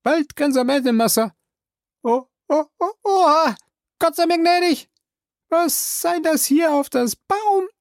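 In an audiobook, a reader voices a frightened male servant yelling down from a tree in broken, pleading speech, pitching the voice high, above the performer's own, and a little slow. The studio recording is clean, with no room sound.

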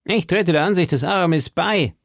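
A man's voice: sits high, moderate pace, vocal fry, no echo, studio quality, voice pushed up. A man voicing a boastful, hearty musketeer who speaks in a brash way.

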